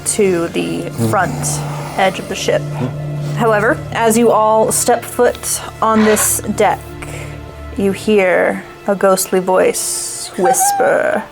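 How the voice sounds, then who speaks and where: A woman's voice: medium pitch, fairly even intonation, slow pace, gravelly. A woman narrating a tabletop game as the game master, describing scenes and rulings to players. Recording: soft music behind.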